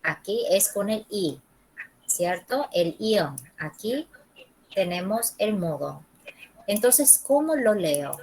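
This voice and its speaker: Slow-paced woman teaching a language lesson. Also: medium pitch, animated, darkish tone, husky, low-quality recording. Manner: checks understanding with frequent ¿sí? and ¿ok?; models pronunciations slowly and repeats them. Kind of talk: classroom lesson.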